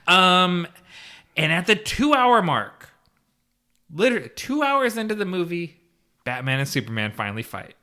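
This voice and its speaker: A man's voice: sits high, sing-song, normal speed, pauses often, bright, forceful tone. A man co-hosting a podcast, recapping a movie in casual chat with sarcastic asides and frequent laughter. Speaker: podcast co-host.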